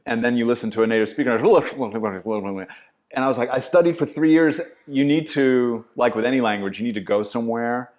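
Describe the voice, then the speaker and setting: Mid-range in pitch and normal in speed, this middle-aged man's voice belongs to an acting teacher being interviewed casually on a podcast. He's a lively storyteller who performs the quotes in his vivid tales, complete with swearing.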